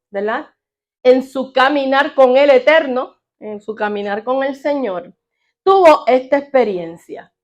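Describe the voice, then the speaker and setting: A woman preaching a sermon in an animated way, often asking her congregation questions. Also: fairly high pitch, lo-fi sound. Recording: audio of a sermon.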